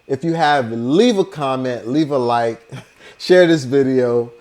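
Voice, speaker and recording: A man's voice: mid-range voice, slow pace, a little mellow. Young man, casual vlog storyteller, easygoing conversational delivery. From Liberia. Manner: laid-back and conversational, heavy on "you know" and "like". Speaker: vlogger.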